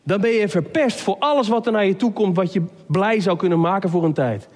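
A male preacher with a high voice delivers an impassioned sermon, rising to urgent pleas and dropping to near-whispers. He stumbles into repeated words as he searches for the next phrase. His voice rings out with a long hall reverb behind it. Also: brisk. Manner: impassioned, swinging between loud pleas and hushed near-whispers; repeats words in stammered restarts.

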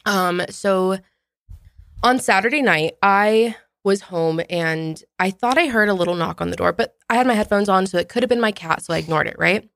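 A woman's voice: medium pitch, normal speed, fairly bright tone, no room sound, clean studio sound. A young woman co-hosting a podcast, animatedly telling a story from her weekend. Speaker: podcast co-host. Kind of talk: casual storytelling.

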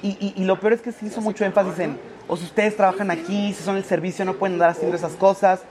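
As a guest on a live talk show, this Mexican-accented man tells a gossip story fast, performing the voices of the people he quotes. His voice is high with fairly even intonation, and a crowd can be heard behind him.

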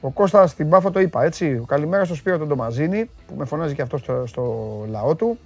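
A man hosting a live stream, greeting viewers and reading their comments in a playful, teasing way with sudden loud bursts. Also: on the high side, lively intonation, creaky, soft background music. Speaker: host.

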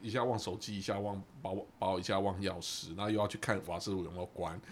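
Fast-talking man with a very low voice. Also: slight background noise. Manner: animated storyteller who acts out quoted dialogue. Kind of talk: casual chat.

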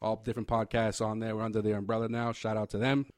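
A man hosting a casual sports podcast in a relaxed, matter-of-fact way. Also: on the low side, fast, dry recording, clean studio sound. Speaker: podcast host.

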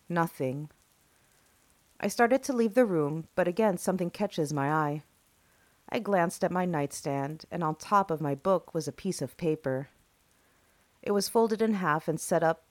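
A woman with a notably low voice narrates a horror story in the first person. She speaks slowly and in hushed tones, leaning into the suspense, and the recording is dry.

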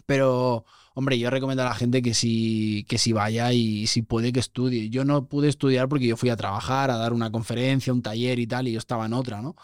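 A man's voice: mid-range voice, fairly quick, few pauses, clean tone, no echo, studio quality. A man, a podcast guest chatting casually and acting out the voices in his stories. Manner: animated storyteller, acts out quoted voices.

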